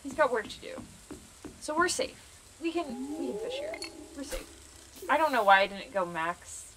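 A woman's voice: high-pitched, wildly swooping pitch, normal speed, fairly bright tone, slight background noise, rough recording. A woman streamer chatting to herself while she plays a game, playful and self-mocking. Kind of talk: casual gameplay commentary.

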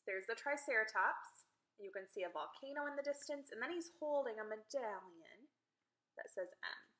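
A woman reading a children's chapter book aloud with expressive, animated delivery. Her voice sits fairly high and bright, with lively swings in pitch. The recording sounds roomy and echoey. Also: moderate pace. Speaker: reader.

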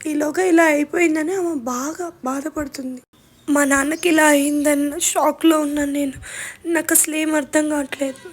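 A young woman vlogger telling a personal family story with emotion, acting out what her relatives said. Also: high voice. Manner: emotional retelling, acts out family members' words.

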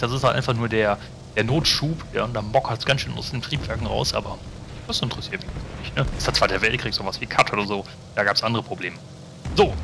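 A man's voice: mid-range voice, sharp tone, slight background noise. A man giving casual, rambling gameplay commentary to his viewers, chatty and swearing now and then.

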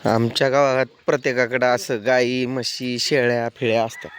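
A man's voice: medium pitch, flat delivery, moderate pace, a little hiss or hum. A man performing a comic village-family skit, nagging and scolding in an exasperated way. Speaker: comic vlogger.

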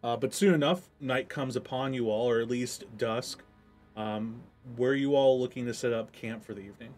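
A man's voice: medium pitch, moderate pace, faint music behind. Field: man narrating as game master. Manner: relaxed, with frequent ums.

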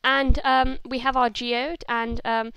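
A woman's voice: a little high, little pitch movement, slow, creaky, fairly bright tone, smooth. A young woman hosting a multiplayer game video, chatting casually and giggling often, trailing off with fillers as she shows off builds. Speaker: gaming channel host. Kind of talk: casual gameplay commentary.

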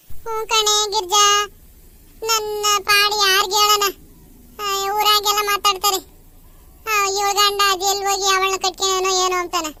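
A shrill, pleading village woman voiced by a performer for a cartoon, speaking. The voice is extremely high and very bright, recorded close and dry. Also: no echo, heavily acted. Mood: sympathetic. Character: pleading rural village women devotees. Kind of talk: cartoon voice acting.

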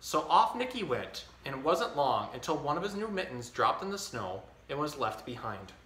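A man in his thirties hosting a storytime, reading a children's picture book aloud with expressive, clearly enunciated delivery. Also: medium pitch, moderate pace, slight background noise. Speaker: storytime host. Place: indoor tiled-floor room. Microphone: camera a few feet away. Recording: echoey room.

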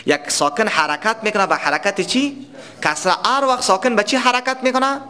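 A man with a high-pitched, sharp-toned voice teaches a tajweed lesson, explaining recitation rules. He quizzes his students, then answers himself, and chants verses slowly as examples.

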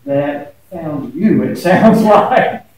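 A man's voice: sits high, big pitch swings, extremely slow, gravelly, a little mellow. A man, a pastor, interviewing a guest in a chatty, joking way. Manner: folksy, chatty, jokes with guest. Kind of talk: casual interview. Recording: echoey, from far off, faint noise.

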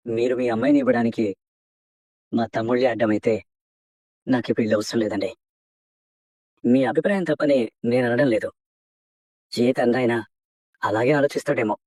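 A man's voice: medium pitch, fairly even intonation, normal speed, pauses often, darkish tone, dry recording, natural voice. A man playing an earnest devoted elder brother. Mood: earnest, pleading. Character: devoted eldest brother, man, young adult, earnest and self-sacrificing. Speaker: eldest brother raising his younger brothers. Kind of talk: TV serial drama.

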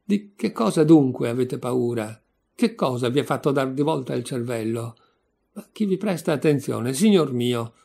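A man voicing an irate male lodger who shouts mocking questions. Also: mid-range voice, expressive, normal speed, vocal fry, breathy edge. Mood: scornful shouting.

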